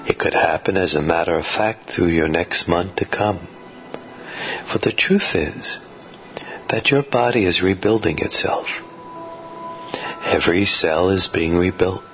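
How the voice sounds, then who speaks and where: A deep-voiced man delivers a guided sleep hypnosis in a soothing sleep-story manner. He speaks very slowly, with measured, repetitive suggestions. The recording is dull and lo-fi, with music underneath.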